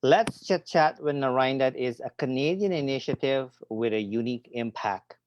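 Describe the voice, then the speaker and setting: A middle-aged man hosts a radio interview show over a video call from a home room lined with trophies and a bookshelf, picked up by his webcam. His medium-pitched, slightly mellow voice moves at normal speed, friendly and rambling with plenty of fillers, in a dry, lo-fi recording.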